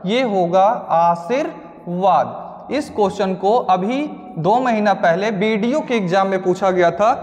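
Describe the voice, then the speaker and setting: A man's voice: sits high, moderate pace, hardly any pauses, a little mellow, in a large hall, soft background music. A man teaching an exam-prep grammar lesson, explaining step by step with worked examples and speaking to viewers as friends.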